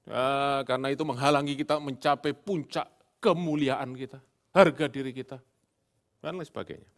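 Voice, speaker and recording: A male pastor preaching a sermon with an animated delivery, mixing in English phrases and often addressing listeners as brothers and sisters. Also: medium pitch, normal speed.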